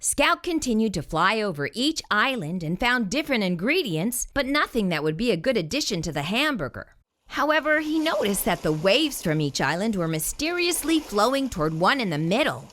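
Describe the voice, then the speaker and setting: Reading a children's picture book aloud, a woman plays the storyteller with animated, theatrical emphasis. Her voice is medium in pitch at a moderate pace, with a little hiss or hum behind it.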